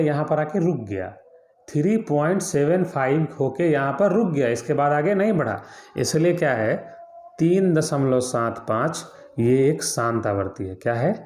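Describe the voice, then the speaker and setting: Maths teacher in an echoey room. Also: male voice, on the high side, a little mellow. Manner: repeats key points, quizzes students. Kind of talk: explaining lesson.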